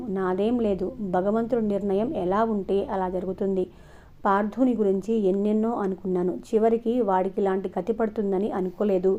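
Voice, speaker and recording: A woman's voice: medium pitch, warm tone, highs cut off, lightly acted. A woman storyteller voicing a grown man, an anxious lover speaking earnestly in an audio novel.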